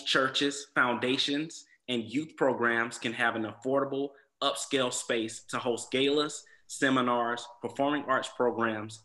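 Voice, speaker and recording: A man's voice: mid-range voice, bright, forceful tone. A man from Southwest Atlanta, giving an earnest prepared presentation to a zoning commission, with frequent ums and repeated words. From Southwest Atlanta, USA.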